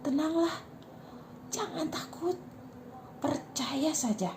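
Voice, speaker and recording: A woman voicing a calm, gentle male healer who speaks softly and soothingly. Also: takes it slowly, a little hiss or hum. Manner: soft, low and soothing.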